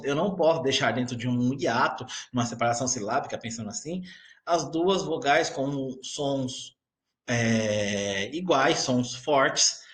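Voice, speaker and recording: A man teaches a grammar lesson in a patient, explanatory way. His voice sits a little above the usual male pitch, and he keeps stopping to ask the class whether they are following.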